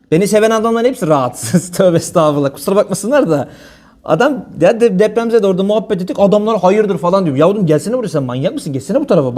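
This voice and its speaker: A man delivers a loose, conversational sermon from a lectern, speaking quickly in a rather high voice. His speech is blunt and everyday, sprinkled with pious exclamations. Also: darkish tone. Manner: blunt colloquial speech mixed with religious phrases. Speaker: preacher. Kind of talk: informal religious talk.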